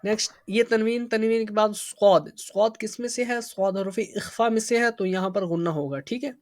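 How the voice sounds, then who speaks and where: A woman with a smooth, clear voice leads a Quran reading lesson for children. She stretches out each syllable as she spells it, then speeds up to explain the rules. She often asks a question and answers it herself. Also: mid-range voice, a little mellow, no room sound, studio quality. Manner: slow drawn-out spelling, then brisk explaining.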